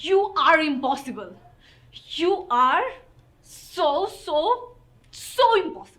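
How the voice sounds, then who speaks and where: A slow, teasing young wife. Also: female voice, high-pitched, very animated, fairly bright tone, full character voice. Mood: mocking. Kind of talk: TV drama acting.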